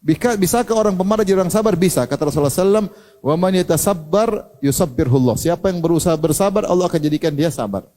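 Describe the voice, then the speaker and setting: A man's voice: sits high, very fast, dark tone. A man preaching a sermon with humor, throwing rhetorical questions at his listeners. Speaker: Islamic preacher.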